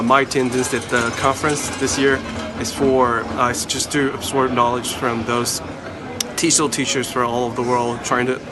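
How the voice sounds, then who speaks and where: Flat-voiced man from China outdoors. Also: medium pitch, far from the mic. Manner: steady, polite, with fillers. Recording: loud outdoor traffic noise.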